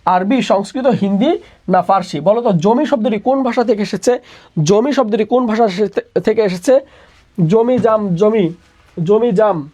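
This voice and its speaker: A young male tutor teaches an online exam-prep lesson. He repeats each question several times and gives the answer himself in a steady call-and-response drill. English words slip into his sentences. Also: sits high, moderate pace. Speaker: admission test tutor.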